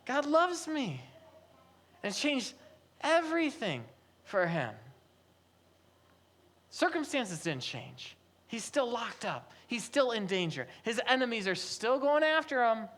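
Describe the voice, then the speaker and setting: A pastor preaching a sermon at a church service, repeating phrases and asking rhetorical questions, moving between a soft low register and raised, emphatic stretches. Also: sing-song, a little slow, long pauses.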